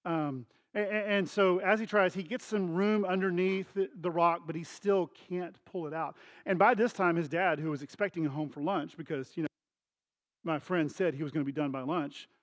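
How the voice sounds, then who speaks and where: A middle-aged pastor delivers his sermon in a high voice. He talks to the congregation casually and acts out scenes with voices and sound effects. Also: steady tone, normal speed. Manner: storytelling with acted dialogue and sound effects; conversational, addresses congregation directly.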